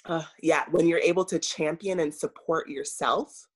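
A woman coach speaking as an interview guest, measured and earnest, pausing often with fillers. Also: low voice, steady tone, husky. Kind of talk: reflective interview talk.

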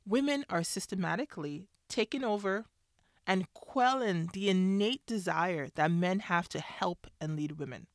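A woman's voice: fairly low pitch, moderate pace, no echo. Woman telling a personal story, dry sound. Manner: conversational, acts out quoted voices. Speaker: speaker sharing a faith-based marriage story.

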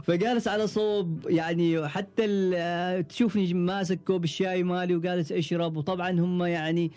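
A young man with an Omani Arabic accent, telling stories as a podcast guest in a relaxed, casual interview. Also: high-pitched, normal speed. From Oman. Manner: relaxed storytelling, frequent trailing restarts. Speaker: podcast guest, ship engineer.

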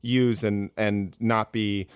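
Rambling man with a smooth voice. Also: lowish voice, level tone, slow, no room sound, clean studio sound. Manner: rambling, many fillers and restarts. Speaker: podcast guest, comedian. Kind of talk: casual interview talk.

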